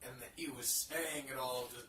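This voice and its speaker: A man joining a casual wrestling chat, enthusiastic and quick to swear. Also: mid-range voice, fairly even intonation, bright, forceful tone, a little hiss or hum. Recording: echoey distant phone recording.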